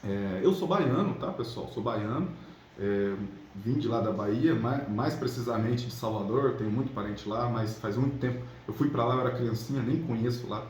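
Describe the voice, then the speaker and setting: A man with a mid-range, darkish voice speaks at a normal speed. He's a relationship coach and channel host from São Paulo state, Brazil, chatting informally with viewers in a motivational way and using little tag questions to check in. The room echoes, and background noise is clearly heard.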